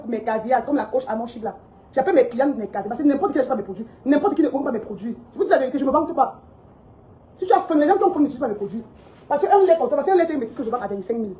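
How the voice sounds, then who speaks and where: A woman's voice: high voice, warm tone, slight background noise, low-quality recording. A woman who owns a shop, giving a heated, scolding monologue to her followers and repeating her points indignantly. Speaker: shop owner vlogging.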